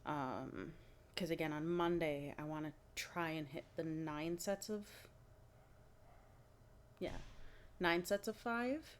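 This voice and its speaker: A young woman giving a casual fitness vlog update, rambling with fillers and restarts, clearing her throat now and then. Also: deep voice, a little hiss or hum. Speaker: vlogger.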